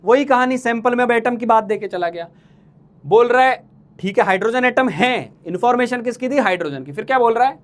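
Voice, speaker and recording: High-voiced man teasing his class. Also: lively intonation, brisk. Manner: teasing, calls students playful names; repeats questions to the class. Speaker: chemistry teacher. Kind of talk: live online exam-prep lecture.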